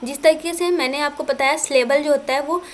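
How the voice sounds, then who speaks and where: High-voiced woman teaching poetry basics. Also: a little fast, a little hiss or hum. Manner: repeats terms, spells words out letter by letter; asks questions then answers them. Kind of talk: exam-prep lecture.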